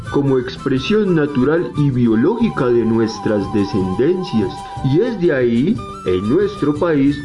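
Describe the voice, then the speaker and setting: A man's voice: a little high, dark tone. A man playing a kindly, wise talking tree who teaches children in a folksy, jolly Colombian storytelling style. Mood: warm teaching.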